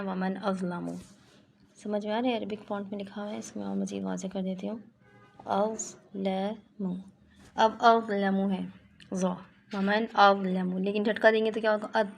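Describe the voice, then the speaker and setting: A young woman leads an online recitation lesson. She sounds out each letter slowly before explaining it, and slips in English phrases now and then. Her pitch stays fairly level, and a faint background noise runs under her voice. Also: creaky. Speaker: Quran recitation teacher.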